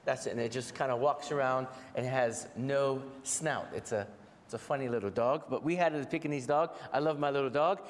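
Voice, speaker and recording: A gravelly-voiced man, stuffed up with a head cold, delivers a sermon in a mid-range voice. He speaks slowly and deliberately, using rhetorical repetition, and his words echo through a big reverberant room full of congregants.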